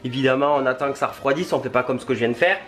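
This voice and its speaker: A man's voice: medium pitch, racing, fairly bright tone. A man chatting informally through a hands-on tutorial vlog in a home kitchen, self-deprecating and loosely spoken with some mild swearing. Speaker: video creator testing a product.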